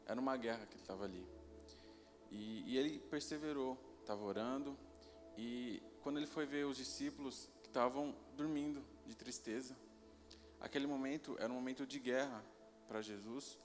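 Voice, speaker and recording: Man, sermon, reflective, medium pitch, reverberant hall, music under. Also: brisk. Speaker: lay preacher.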